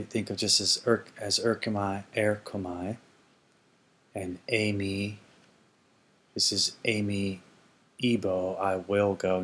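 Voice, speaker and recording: Slow, low-voiced male language teacher. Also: bright, forceful tone, slight background noise. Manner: slow, careful, repeats words to model pronunciation; hesitant with frequent ums and restarts. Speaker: ancient Greek teacher. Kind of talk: explanatory grammar lesson.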